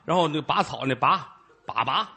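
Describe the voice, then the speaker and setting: A man's voice: fairly high pitch, expressive, normal speed, gravelly, sharp tone, slight background noise. A man, the lead comic of a comedy duo, boasting and teasing in a brash, playful crosstalk routine.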